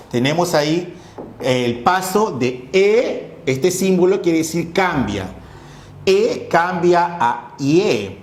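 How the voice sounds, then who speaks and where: Man, teacher, patient explanations, fairly high voice, roomy sound. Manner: explanatory, repeats "¿no es cierto?" and "eh" often. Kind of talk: classroom lecture.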